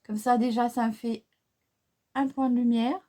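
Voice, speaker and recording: A woman's voice: a little high, flat delivery, moderate pace, mellow. A woman with a French accent chatting through a makeup tutorial, hesitant and casual, with many fillers and restarts. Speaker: beauty vlogger.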